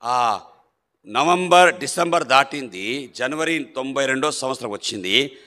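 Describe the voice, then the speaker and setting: A man in his fifties giving a personal conversion testimony in a prayer hall, emphatic, his voice swinging between loud outbursts and low asides. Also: lively intonation, a little slow. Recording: echoey hall.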